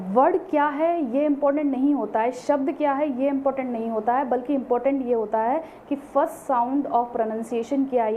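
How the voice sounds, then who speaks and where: Female teacher, high voice, patient, rhetorical questions to the class; tinny online-class audio with faint hiss. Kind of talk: online grammar lesson.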